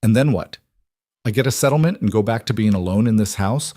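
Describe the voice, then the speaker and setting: A man's voice: lowish voice, brisk, dark tone, no echo, studio quality, natural voice. Grieving widow, as a man reads her. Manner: tired, pleading. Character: grieving young widow, weary and raw.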